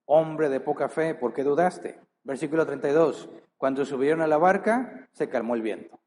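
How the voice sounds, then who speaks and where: This male preacher has a fairly high, darkish voice. He reads scripture aloud, then presses his listeners with a string of rhetorical questions, earnestly stretching out the key words.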